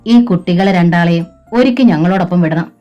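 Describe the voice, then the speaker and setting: A woman voicing a sorrowful, blunt older grandmother in an audio novel, with a measured, matter-of-fact delivery. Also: on the low side, dark tone, dull audio, soft background music, natural voice.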